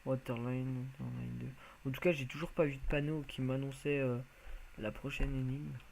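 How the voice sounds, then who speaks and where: A man's voice: medium pitch, fairly even intonation, normal speed, vocal fry, darkish tone, slight background noise, low-quality recording. A man giving casual, rambling commentary as he plays a video game, hesitant and full of filler sounds. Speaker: video game let's player.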